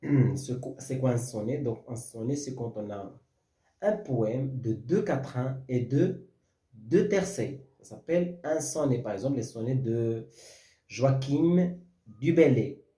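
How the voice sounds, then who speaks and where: A man's voice: mid-range voice, slow pace, warm tone, echoey room. A man teaching French verse, explaining step by step with many fillers and restarts, often checking whether the class follows.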